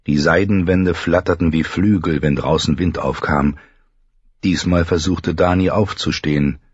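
Deep, slow-reading male narrator. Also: slightly rough, dry recording, dull audio. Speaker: audiobook narrator. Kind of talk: scripted fantasy narration.

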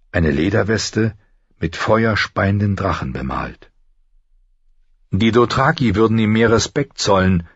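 Husky low-voiced male narrator. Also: no echo. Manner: measured, even storytelling. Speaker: audiobook narrator. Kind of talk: scripted narration. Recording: dry, slightly dull recording.

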